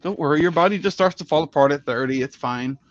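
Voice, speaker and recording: A man's voice: on the high side, fast, dry recording. A man chatting casually, teasing the others dryly and often restarting his sentences. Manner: dry teasing, stumbling restarts. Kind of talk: casual chat. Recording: dull lo-fi sound.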